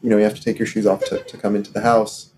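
A man from Morocco co-hosting a casual podcast discussion, talking in halting stops and starts with many fillers. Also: on the low side, level tone, a little mellow, slight background noise. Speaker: podcast co-host.

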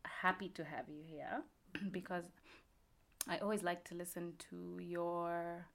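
A woman's voice: on the low side, level tone, unhurried, creaky, a bit bright. A woman hosting a podcast, chatting casually and laughing often, with plenty of fillers. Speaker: podcast host. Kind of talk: casual chat.

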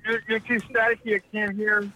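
A man's voice: sits high, flat delivery, sharp tone, no echo. Man on a crackly, staticky phone line. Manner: halting and confused, straining to hear. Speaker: caller.

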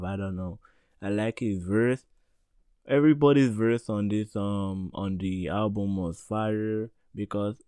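A man's voice: on the low side, darkish tone, clean tone, dry recording, clean studio sound. A man hosting a casual music review podcast, rambling and often restarting his sentences in loose slang. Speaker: podcast host.

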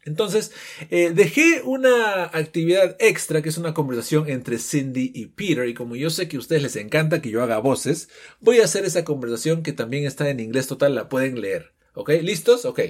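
A male English teacher explains grammar in a lively, animated way. His voice sits slightly high for a man and has a husky edge. He slows right down to model each English example. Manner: switches between Spanish explanation and slow, drawn-out English examples. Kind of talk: recorded lesson explanation.

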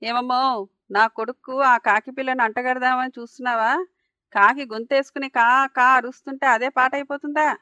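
A woman's voice: high-pitched, steady tone, normal speed, pushed and bright, dry recording, pitched above the performer's own voice. A woman voicing a quarrelsome neighbor woman, mocking and combative, in a told story.

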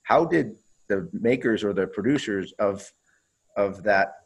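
A man's voice: lowish voice, a little slow, creaky, breathy edge, low-quality recording. A man who played pro hockey, telling stories in a casual interview and swearing freely, often repeating and restarting his words.

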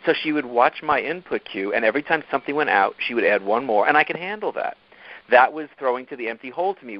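An animated male guest who tells his stories with sudden upward jumps in pitch, sitting at a middle pitch for a man. The sound is dull and lo-fi, like an old radio broadcast. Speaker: guest, team-building coach and speaker. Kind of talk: interview storytelling.

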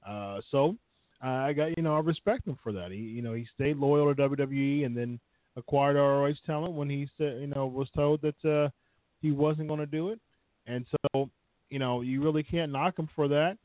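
A man's voice: on the high side, fairly even intonation, normal speed, no echo. A man calling in over the phone, chatting casually and rambling with lots of filler words. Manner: rambling, heavy on "uh" and "you know". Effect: over the phone, line cutting in and out. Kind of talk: casual wrestling chat. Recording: thin phone line, dry.

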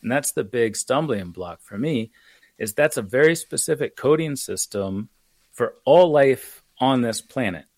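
A man's voice: mid-range voice, expressive, a little slow, a little mellow, no room sound. An American man, an author, talking through ideas in a rambling, thoughtful way on a podcast. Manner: thoughtful, rambling explanations with fillers. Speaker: author and guest. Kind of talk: casual podcast conversation.

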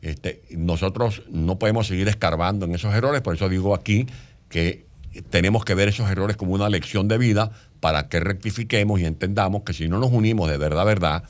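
A man with a low, deep voice gives long explanatory answers. He speaks as a guest in a radio interview. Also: brisk. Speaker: guest author.

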